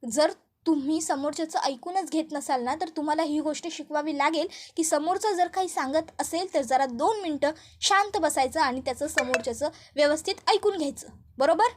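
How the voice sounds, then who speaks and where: A woman's voice: high voice, normal speed, lightly acted. A woman voicing a young man who politely pleads to be heard in a serial recap. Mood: pleading. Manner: pleading, insistent.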